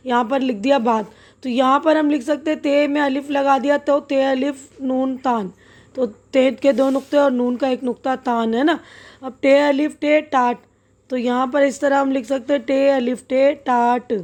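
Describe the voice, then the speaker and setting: A woman teaching a lesson, spelling words out letter by letter and pausing often to check that her listeners follow. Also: high voice, darkish tone. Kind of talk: step-by-step classroom lesson.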